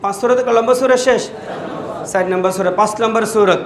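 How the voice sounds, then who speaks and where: A man with a strikingly high voice teaches a class, stretching each syllable out slowly and half singing the sounds for the students to repeat. The room is echoey, and steady noise sits behind him. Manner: slow, drawn-out syllables, sing-song recitation. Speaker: Quran teacher. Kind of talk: teaching a class, call and response.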